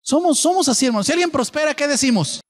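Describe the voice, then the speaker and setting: A man's voice: very high-pitched, animated, fast, in a large hall. A man preaching a sermon as pastor, often asking his congregation questions and acting out the people in his stories.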